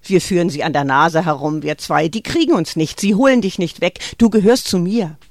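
A woman's voice: on the low side, fairly quick, dry recording, studio quality, natural voice. A woman voicing a fierce, volatile mother who warns and rages at those around her. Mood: conspiratorial urging. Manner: shouting and urgent, sometimes conspiratorial.

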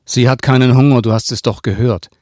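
A man's voice: lowish voice, moderate pace, creaky, darkish tone, dry recording, clean studio sound. A man reading aloud and voicing a cold, stern woman who takes a child away and speaks in curt commands.

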